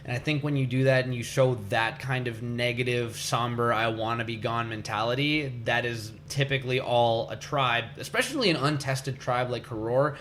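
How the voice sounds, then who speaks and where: A man co-hosting a casual podcast recap, opinionated and animated in his retelling. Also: medium pitch, moderate pace, hardly any pauses, a little hiss or hum. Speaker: podcast co-host.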